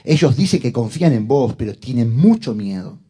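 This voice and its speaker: A sinister devil speaks in slow, low, menacing taunts, as a preacher puts him on. The voice is dark and mellow, with a wide pitch range across the phrases. It sounds gloating and deliberate. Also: male voice, very animated, breathy edge.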